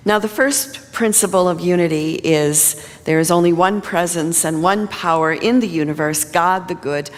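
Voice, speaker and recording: A woman minister delivers a conversational, plain-spoken sermon into a pulpit microphone in a church sanctuary. Her voice sits on the low side, moving at a moderate pace with hardly any pauses. The large hall gives the recording a long reverb.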